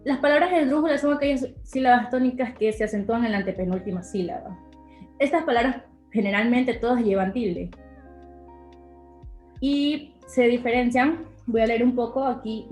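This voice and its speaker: A woman's voice: fairly high pitch, normal speed, darkish tone. A young woman giving a class presentation, hesitant, with many fillers. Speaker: student presenter. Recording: echoey room with faint music.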